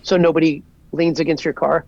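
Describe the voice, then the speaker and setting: A man's voice: on the high side, little pitch movement, brisk, gravelly, darkish tone, no room sound, highs cut off. A man in his forties from Southern California, a guest chatting casually and rambling easily with lots of "like". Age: 40s. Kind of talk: casual podcast chat.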